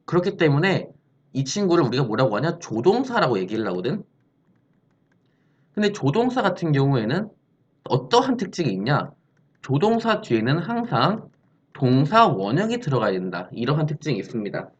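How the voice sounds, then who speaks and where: A man's voice: on the high side, big pitch swings, moderate pace, breathy edge. A male grammar teacher whose voice swings widely up and down as he walks through each point. He keeps asking his pupils questions and then answering them himself. The recording sounds dull and lo-fi. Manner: explains step by step, asks and answers own questions. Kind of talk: recorded classroom-style lesson.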